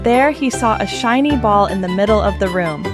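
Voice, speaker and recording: Over jingly children's music, a woman with a mid-range voice reads a storybook aloud for young children at a moderate pace. As host, she reads expressively in simple phrases.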